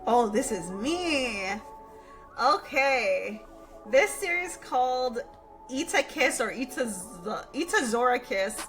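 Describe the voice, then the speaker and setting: A woman co-hosting a podcast in casual chat, animated and laughing often, acting out characters' lines as she retells stories. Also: fairly high pitch, slow, soft background music. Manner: animated, acts out characters' lines while recounting. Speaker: podcast co-host.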